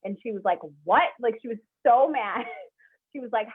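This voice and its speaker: A young woman, a guest on the show, telling her personal story in an animated way, full of "like" and retold conversations. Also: on the high side, moderate pace, breathy edge. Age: young adult. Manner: animated, heavy use of "like", quotes others. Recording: tinny phone-like call audio.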